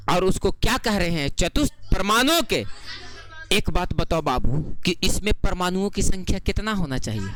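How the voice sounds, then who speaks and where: Bright high-voiced Bihari Hindi teacher. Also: male voice. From Bihar, India. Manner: call-and-response questioning, sing-song, chatty. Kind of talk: classroom lecture.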